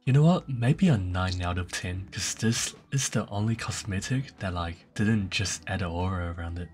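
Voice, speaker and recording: A man's voice: low-pitched, moderate pace. A young man casually commenting on game cosmetics, rambling and laid-back with lots of fillers. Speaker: gaming channel host. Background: faint background music.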